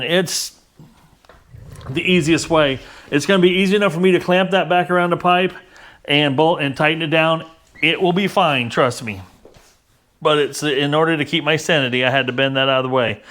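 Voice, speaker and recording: Male home mechanic, slightly high voice, casual plainspoken how-to talk with wry asides. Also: a bit bright. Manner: plainspoken, wry, a little exasperated. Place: backyard garage workspace.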